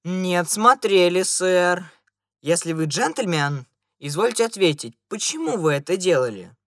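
A man reading an audiobook and voicing a loud, quarrelsome gentleman in a grey top hat who keeps demanding answers. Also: sits high, animated, measured pace, no room sound, studio quality, pitched above the performer's own voice. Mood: indignant shouting. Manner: shouting, indignant, insistent questioning.

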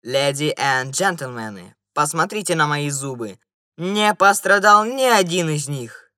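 A man reading an audiobook and voicing a calm gentleman in a soft hat who answers curtly and slowly. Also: fairly high pitch, dry recording, studio quality, voice pushed up. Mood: announcing. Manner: cool, dismissive, slow replies.

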